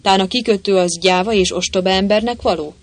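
A reader voicing a blunt, hot-tempered male robber in an audiobook, speaking bluntly and shouting. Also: mid-range voice, lightly acted. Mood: scornful. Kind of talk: audiobook reading.

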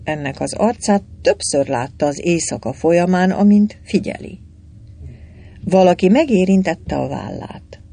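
A man narrating an audiobook with a wry, expressive storytelling manner. His voice is husky and gravelly, and his pitch rises and falls in a lively way. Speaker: audiobook reader.

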